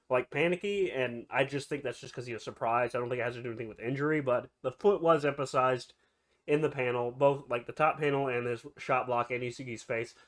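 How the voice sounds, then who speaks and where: A man's voice: mid-range voice, a bit bright. A man with a nasal, stuffed-up voice from a cold, casually talking viewers through his review and predictions, often restarting his sentences. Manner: rambling, self-correcting, speaks straight to viewers. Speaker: anime and manga reviewer. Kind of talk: casual chapter review commentary.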